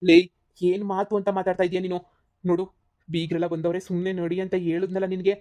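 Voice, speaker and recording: A woman voicing a short-tempered middle-aged husband, scolding rapidly in a cartoon comedy. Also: lowish voice, flat delivery, mellow, lightly acted. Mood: angry. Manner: scolding, rapid, repeats insults.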